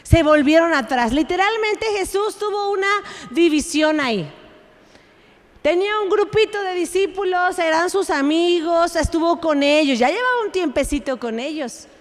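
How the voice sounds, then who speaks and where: High-voiced woman preaching in a hall. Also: moderate pace. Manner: animated, playful, acts out scenes. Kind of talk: sermon. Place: church sanctuary.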